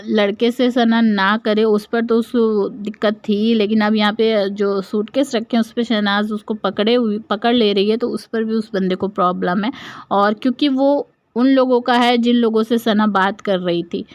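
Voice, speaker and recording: A woman's voice: medium pitch, steady tone, moderate pace, no room sound. A woman giving a casual narrated recap, retelling scenes and quoting lines with frequent fillers.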